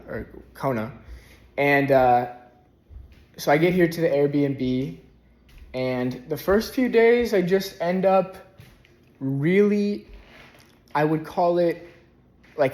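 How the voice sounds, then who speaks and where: A young man talking casually in a spiritual vlog from a rented house, relaxed and rambling, filling his speech with "like". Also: medium pitch. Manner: relaxed, rambling, heavy use of "like". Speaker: spiritual vlogger.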